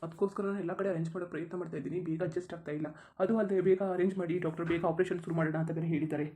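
A worried young village man in a cartoon pleads for help in a rushed, anxious voice, as a voice actor plays him. His pitch sits in the middle range, and his words tumble out quickly. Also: fairly even intonation, mellow, slight background noise, close to an everyday voice. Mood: pleading. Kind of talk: cartoon voice acting.

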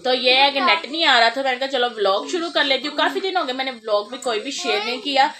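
A woman's voice: high-pitched, expressive, quick pace, bright, forceful tone, slight background noise. A young woman chatting casually in a home vlog, doting and often laughing, recorded on a phone camera indoors. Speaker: vlogger.

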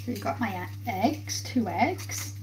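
A woman streams herself cooking at home, chatting casually with viewers while she's busy at the stove. Her voice is a little high, a little mellow, expressive and unhurried. The recording is rough, made on a phone camera close by on the counter, with kitchen noise and sizzling pans behind her.

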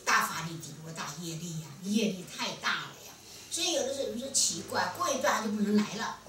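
A woman with a Taiwanese Mandarin accent gives a sermon in a temple hall, with animated teasing rhetorical questions. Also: mid-range voice, fast talker. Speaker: spiritual teacher. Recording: echoey room from a distance, faint hum.

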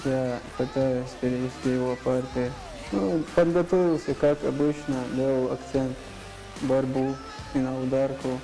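A male fighter gives brief pre-fight interview remarks. His voice is mid-pitched, with music clearly playing behind it. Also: fairly even intonation, measured pace, dark tone, poor audio. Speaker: MMA fighter.

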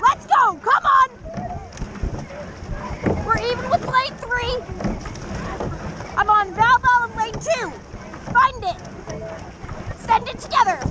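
Loud wind, water and rowing clicks surround a young woman coxswain in a boat. She shouts short, repetitive commands at a very high pitch. Her calls are urgent and motivational, with drawn-out, measured spacing. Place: outdoors in a boat on open water.

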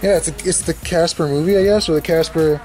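This is casual unboxing commentary from a podcast host, a young man who swears and rambles while opening old comic books on his bed at home. His slightly high voice moves quickly and has a darkish tone. He holds the camera himself, and faint music sits in the background.

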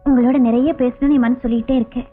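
An actress playing a lovesick younger sister who pleads sweetly. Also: female voice, fairly high pitch, fairly even intonation, very fast, close to an everyday voice. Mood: teasing. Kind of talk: 1980s Tamil film dialogue. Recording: tinny old film soundtrack with faint music.

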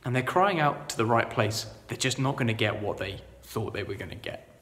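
A man preaching a sermon, earnest and conversational, moving between loud proclaiming and quiet reflection. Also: fairly low pitch, animated, fairly quick, long reverb tail. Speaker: vicar. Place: church.

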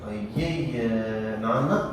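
A man's voice: mid-range voice, very slow, a little hiss or hum. A man needling and arguing in casual family banter. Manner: needling, argumentative. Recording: echoey room from far off, people nearby.

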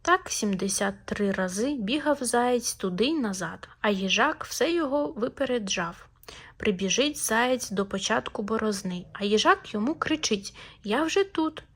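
A woman narrating a children's fairy tale audiobook in a lively, expressive storytelling manner. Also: on the high side, normal speed, husky.

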